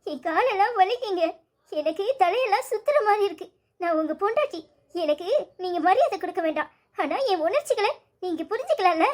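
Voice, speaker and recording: A woman's voice: very high-pitched, lively intonation, a little fast. A woman voicing a pregnant young wife in a cartoon story, pleading and reproachful with her husband. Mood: hurt pleading.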